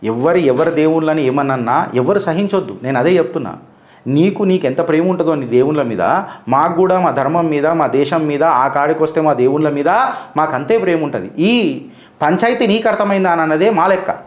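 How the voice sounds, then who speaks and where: A man's voice: on the high side, a little fast, echoey room. A man giving combative political commentary, firing rhetorical questions straight at the person he criticizes.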